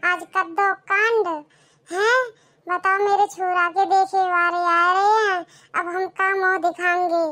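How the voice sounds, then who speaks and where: A woman's voice: very high voice, little pitch movement, slow, sharp tone, heavily acted. A woman voicing an ashamed, lamenting middle-aged village mother in a cartoon. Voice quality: complaining, lamenting. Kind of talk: cartoon dialogue.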